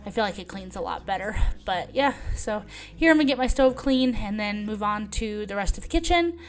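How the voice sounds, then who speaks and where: A woman's voice: medium pitch, expressive, brisk, soft background music. A middle-aged woman narrating her cooking and cleaning in a casual, rambling voice-over full of ums. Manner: chatty, rambling with many ums. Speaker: vlogger.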